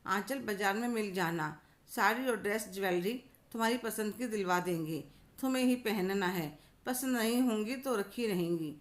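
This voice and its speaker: Gracious widowed mother-in-law, gentle and affectionate, read by a woman storyteller; mid-pitched, storybook. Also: normal speed, lightly acted.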